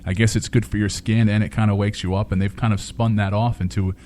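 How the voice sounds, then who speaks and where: A man co-hosting a casual local radio show, telling things in a relaxed, steady way and laughing along. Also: on the low side, fast talker, a little hiss or hum. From Rhode Island. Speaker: radio co-host.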